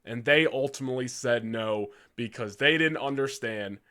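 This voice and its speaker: A man's voice: medium pitch, moderate pace, bright, forceful tone. A young man co-hosting a podcast, chatting casually with loose slang and frequent laughter. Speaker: podcast co-host. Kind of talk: casual chat.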